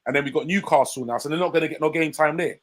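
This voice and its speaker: A man's voice: fairly high pitch, very fast, low-quality recording. Emphatic man arguing football. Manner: emphatic, pushes his argument with rhetorical questions. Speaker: panelist. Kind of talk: casual live-stream football chat.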